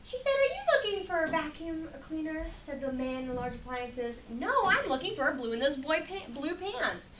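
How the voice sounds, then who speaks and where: With a sing-song, fairly high voice, this read-aloud educator moves through a picture book at a moderate pace with hardly any pauses, quizzing the children and praising their answers. The mic sits far off in a room full of background noise.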